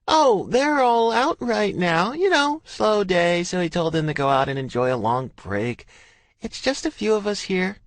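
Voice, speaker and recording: A man's voice: high voice, animated, measured pace, no echo, voice pushed up. A man voicing a meddling young woman friend who sings her words sweetly while scheming, in an audiobook. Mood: sugary scheming. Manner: sing-song, sugary, scheming. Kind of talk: audiobook character voice.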